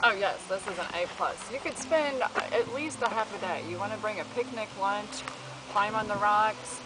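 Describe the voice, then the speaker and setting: A woman's voice: mid-range voice, normal speed, very noisy. A woman on a casual travel vlog, reading park signs aloud outdoors and giving her own view. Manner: reads sign text aloud, then chats. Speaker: travel vlogger.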